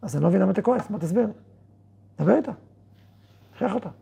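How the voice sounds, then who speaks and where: A rabbi's voice thick with gravel and fry, deeply husky and rough at the edges, with a mellow, dark tone. He gives a Torah lesson, acting out both sides of everyday conversations with himself and firing off rhetorical questions. Between those exchanges he settles into quieter explanation. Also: expressive. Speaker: rabbi and yeshiva head.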